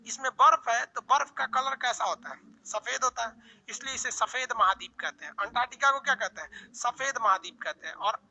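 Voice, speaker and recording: A man's voice: extremely high pitch, a little fast, creaky, sharp tone. A man teaching an online class, drilling students with repeated lists and teasing colloquial asides. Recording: dull lo-fi online class audio.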